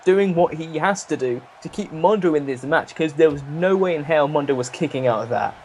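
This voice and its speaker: A man giving excited wrestling commentary, reacting to the action in an exclamatory, incredulous way. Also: fairly high pitch, brisk, slight background noise.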